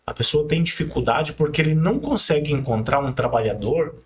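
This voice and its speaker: A man's voice: on the high side, fairly quick, slight background noise. A man in his forties hosting a podcast, polite and reflective, with hesitant restarts. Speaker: podcast host. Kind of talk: interview conversation.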